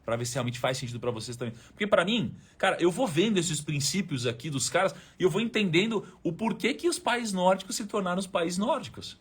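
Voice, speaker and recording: A Brazilian-accented man giving a motivational talk to his live-stream audience. His voice is slightly high and husky, and his pitch swings widely as he leans into points. He speaks casually, with slang and swearing, and addresses viewers head-on. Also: lively intonation, fairly quick, hardly any pauses, a bit bright. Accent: Brazilian Portuguese.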